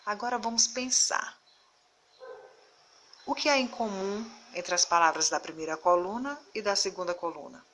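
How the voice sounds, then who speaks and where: A woman teacher giving a recorded video lesson, reading word lists slowly and deliberately and stressing syllables. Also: mid-range voice, fairly bright tone, a little hiss or hum.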